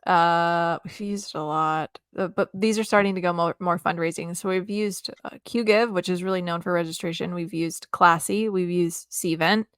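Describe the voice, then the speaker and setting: A woman's voice: fairly low pitch, fairly even intonation, moderate pace, few pauses, fairly bright tone, clear, resonant tone, dry recording, clean studio sound. A woman co-hosting a podcast, chatting casually, hesitant with fillers and easy laughs. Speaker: podcast co-host.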